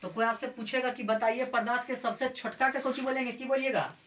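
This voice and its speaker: A man's voice: extremely high pitch, steady tone, brisk, a bit bright. A man teaching a class, asking the same question again and again so the pupils call back the answers. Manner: drills pupils with repeated questions. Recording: distant mic with faint noise.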